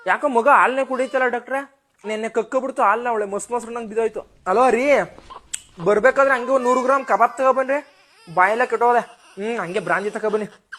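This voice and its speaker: A man's voice: very high-pitched, a little fast, a bit bright. A man acting as a fussy, gossipy young village mother just after childbirth, nagging and chattering on the phone in a comic skit. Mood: whiny, demanding.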